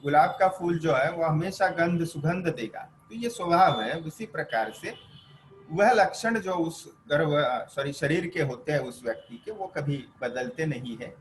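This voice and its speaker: A man giving an unhurried lecture, reciting verses and then explaining them. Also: a little high, expressive, a little hiss or hum, low-quality recording. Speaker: Ayurveda teacher. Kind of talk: classroom lecture.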